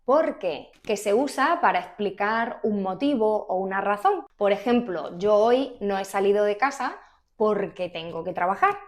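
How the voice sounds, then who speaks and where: A young woman teaches a relaxed video lesson. She speaks clearly and deliberately, often repeating the key word so it sinks in. Her pitch sits at an ordinary middle level for a woman. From Spain. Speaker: Spanish teacher.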